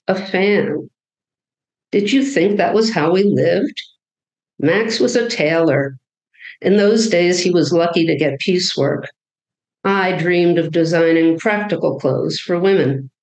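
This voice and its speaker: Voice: mid-range voice, slow pace, roomy sound, low-quality recording. A poet voicing a stern old immigrant great-grandmother with a German accent, telling her story bluntly and wryly.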